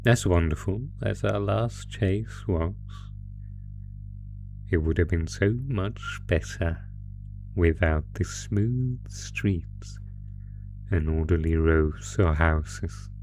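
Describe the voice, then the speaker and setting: Slow, low-pitched, and darkish, a man's voice brings to life a predatory under-the-bed monster in a horror roleplay, with slight background noise behind him. He taunts the listener in a mock-sweet, savoring way that feels sinister and full of anticipation.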